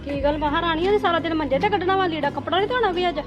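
A woman playing a jealous, nagging mother-in-law in a Punjabi village drama, taunting and quick. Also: very high-pitched, lo-fi sound, over music. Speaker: actor in family drama.

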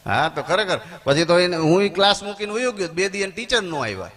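A man from Gujarat does stand-up on stage colours every line. His voice sits a little high and rings bright and sharp. He spins stories and flips into squeaky voices for the people in them. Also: big pitch swings, a little fast. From Gujarat, India. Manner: acts out characters with sudden high squeaky voices. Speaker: stand-up comedian. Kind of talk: stand-up comedy storytelling. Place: stage before a live audience.

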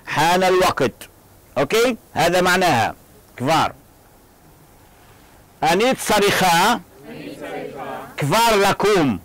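High-voiced man teaching a language class. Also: animated, fairly bright tone, low-quality recording. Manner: drills phrases slowly and asks the class to repeat. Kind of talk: classroom lecture.

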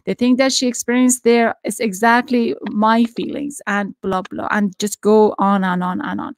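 A woman's voice: medium pitch, little pitch movement, moderate pace, no echo. A middle-aged woman from Iran hosting an interview over a video call from her home study, speaking earnestly with frequent restarts. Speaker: podcast host. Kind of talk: interview introduction and questions. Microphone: studio microphone with headphones on video call.

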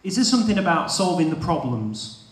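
Higher-voiced man asking rambling questions. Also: big pitch swings, fairly quick. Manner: eager, rambling questions with hesitations. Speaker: stage interviewer. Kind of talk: on-stage interview. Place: large expo hall stage. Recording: echoey hall mic heard from a distance.

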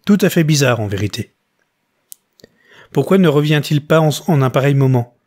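A man's voice: fairly high pitch, animated, moderate pace, darkish tone. A man voicing an older widowed mother who whines and turns tearful. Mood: whining. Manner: whining, tearful. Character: older widowed mother, whining, self-pitying.

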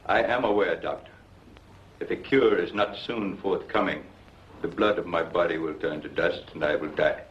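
An actor playing a cold alien posing as human, middle-aged, stilted and formal, in a 1950s film. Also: male voice, low voice, normal speed, slight background noise, close to an everyday voice. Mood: cold, controlled. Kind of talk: 1950s science-fiction film acting. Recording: muffled old 1950s film soundtrack.

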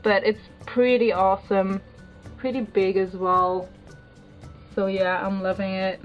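A woman's voice: mid-range voice, flat delivery, measured pace, faint music behind. Female vlogger, Dutch accent, informal rambling chat, mid-range voice, lo-fi handheld recording. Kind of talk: casual chat, showing a haul. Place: small bedroom, indoors. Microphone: handheld camera's built-in mic. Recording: muffled lo-fi handheld camera sound.

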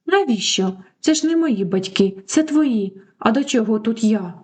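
A woman's voice: on the high side, expressive, normal speed, natural voice. A woman reading an evasive cheating young man. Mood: dismissive. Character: evasive unfaithful young man, cold and dismissive.

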